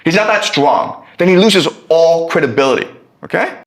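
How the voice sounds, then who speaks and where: A man's voice: on the high side, normal speed, echoey room. A male professor giving a classroom lecture, telling a story and checking in with his students. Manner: animated, checks in with "okay?".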